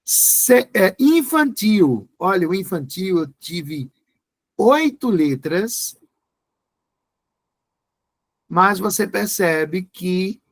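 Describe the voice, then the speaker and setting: A man teaching an exam-prep grammar lesson, spelling words out letter by letter. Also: sits high.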